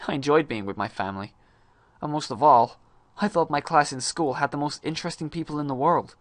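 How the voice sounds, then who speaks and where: A man's voice: on the high side, fairly quick, no echo, natural voice. Man acting a theatrical, disillusioned young student, dry sound. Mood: intense, frustrated. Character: disillusioned young high-school man, earnest and restless. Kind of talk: dramatic monologue reading.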